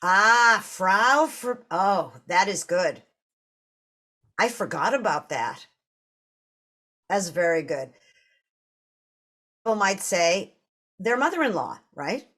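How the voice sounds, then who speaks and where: A woman's voice: mid-range voice, lively intonation, slow, pauses often, bright, forceful tone. Boston lady in her 60s on a live podcast, storytelling, joking around. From Boston area, US. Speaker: podcast co-host.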